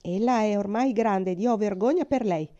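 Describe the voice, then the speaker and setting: A woman voicing a short-tempered middle-aged uncle who speaks gruffly in a storybook reading. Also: medium pitch, normal speed, warm tone, dull audio, lightly acted. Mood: impatient. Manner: gruff, impatient.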